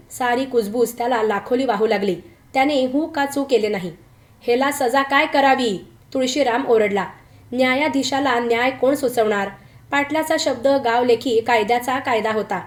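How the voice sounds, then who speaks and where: A woman tells a tale in a scripted, dramatic reading voice, sitting a little above the usual pitch for women. She takes her time over the quoted lines and gives them a rougher rural flavor. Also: moderate pace. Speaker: storyteller. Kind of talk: scripted story narration.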